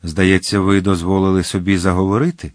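A man reading aloud, voicing a reserved, grave older male musketeer in a low, restrained voice. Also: little pitch movement, brisk, dry recording, studio quality, lightly acted.

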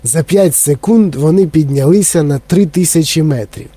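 A male narrator reads a children's book with steady, measured delivery. His voice is mellow and slightly husky, recorded dry and close with no room around it. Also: fairly high pitch, no room sound. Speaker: audiobook narrator. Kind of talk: scripted narration.

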